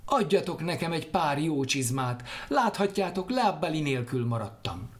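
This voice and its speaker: Storybook hero read by a man: lifted pitch, pleading, quick-tempered. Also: very animated. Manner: pleading, rising to shouts. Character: wingless flying man, pleading, quick to anger.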